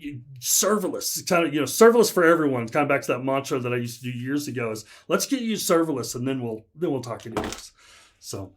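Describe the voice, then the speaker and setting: A man with a fairly high voice talks as a guest on a podcast. He tells stories with lively energy, laughs a lot and restarts his sentences often. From United States. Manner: animated storyteller, laughs often, many restarts. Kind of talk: casual podcast chat.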